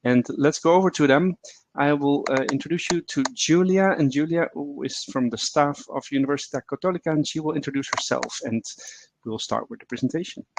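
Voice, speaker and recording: A man's voice: fairly high pitch, a little fast, noisy background. Man moderating a webinar over video call. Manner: friendly, loose, with many fillers and restarts.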